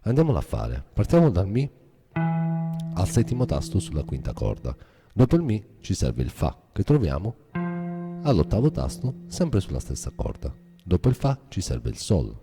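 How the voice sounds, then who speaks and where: A man's voice: low-pitched, huge pitch swings, normal speed, vocal fry. A man giving a guitar lesson, explaining a scale step by step in a methodical way. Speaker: guitar teacher. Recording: guitar playing behind voice.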